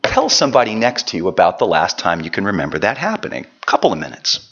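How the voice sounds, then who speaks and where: A man's voice: low voice, huge pitch swings, fast, a bit bright, lo-fi sound. A man preaching a sermon and telling a personal story with self-deprecating, chatty asides. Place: church.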